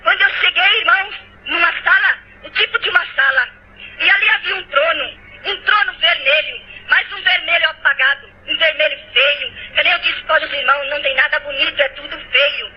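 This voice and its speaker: Her voice sits high and runs a little fast as she gives an impassioned testimony sermon in church. Speaking with a Brazilian Portuguese accent, she grows tearful at times, repeats herself, and appeals to the brothers, all captured on a dull lo-fi recording.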